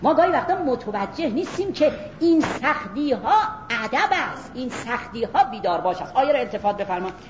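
A woman giving an animated religious lecture as a Quran teacher, reciting Arabic verses and speaking directly to her listeners. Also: hardly any pauses. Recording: echoey room, dull lo-fi sound, faint rumble.

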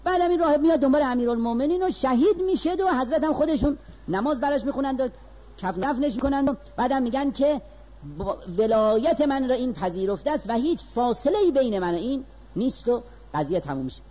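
A man giving a religious lecture, telling a story with animated delivery that moves between slow, stressed phrases and quick asides. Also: extremely high pitch, muffled recording.

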